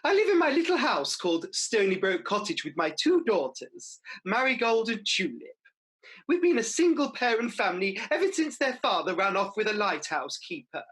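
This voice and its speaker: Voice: medium pitch, sing-song, moderate pace, fairly bright tone. An actor playing a gossipy, hard-up mother as a pantomime dame in a radio play, with chatty comic patter. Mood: cheeky, chatty.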